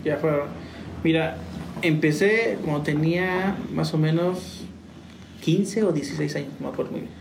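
A young male musician, appearing as a guest, tells his story in a rambling, casual way, restarting sentences and laughing. His voice is a little high and creaky at a normal pace, recorded in a roomy, distant space with faint noise.

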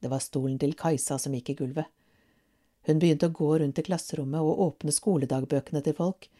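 Brief: calm storybook reader, woman with a low, mellow voice. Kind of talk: storybook reading.

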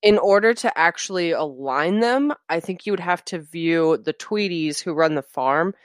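Low-voiced young woman talking films. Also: animated, normal speed, no room sound. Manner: chatty, analytical, swears casually. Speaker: podcast co-host. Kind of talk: casual film discussion.

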